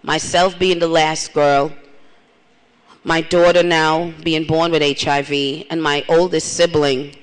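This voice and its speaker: Speaking slowly in a low, clear and resonant voice with little pitch movement, a middle-aged Trinidadian woman delivers an earnest plenary address. She repeats phrases in her testimonial, and the large conference hall echoes around her.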